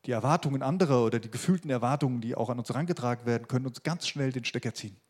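A man's voice: mid-range voice, very fast, a little mellow. A man preaching a sermon as pastor, emphatic and repeating his key phrases.

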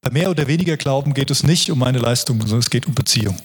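A man's voice: medium pitch, fast, husky. A man preaching a sermon in an earnest, reflective way, often restarting his sentences.

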